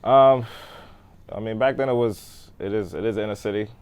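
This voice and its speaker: A man's voice: fairly low pitch, steady tone, normal speed, darkish tone, smooth. A man in his thirties, a guest on an interview podcast, talking casually about growing up, with many fillers and a voice that trails off. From born in Texas, raised in Boston. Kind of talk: interview storytelling.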